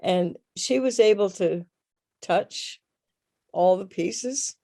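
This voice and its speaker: A woman from Canada speaking up in a video call, halting and searching for words, emotional as she talks. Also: mid-range voice, creaky, mellow. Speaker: audience member. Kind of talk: virtual Q&A comment.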